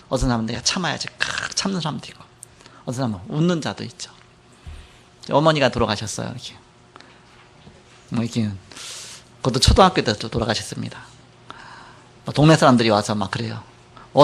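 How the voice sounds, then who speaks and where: A middle-aged man preaches from the pulpit with a somewhat high voice. He tells stories, leans hard on key words, then drops to quiet asides. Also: gravelly, husky. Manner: storytelling, shifts between loud emphasis and quiet asides. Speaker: pastor. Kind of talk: sermon.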